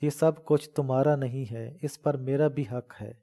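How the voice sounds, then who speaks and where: A man's voice: mid-range voice, fairly even intonation, dark tone, natural voice. A man voicing a fierce, protective old village mother in a dramatic audiobook reading, talking fervently and scolding. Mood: fierce defiance.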